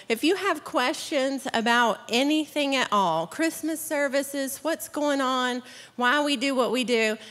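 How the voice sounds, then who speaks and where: A woman's voice: a little high, pushed and bright. A woman making upbeat, chatty announcements to a church crowd, talking to them directly. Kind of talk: casual stage announcements. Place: large church auditorium. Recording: long reverb of big church hall.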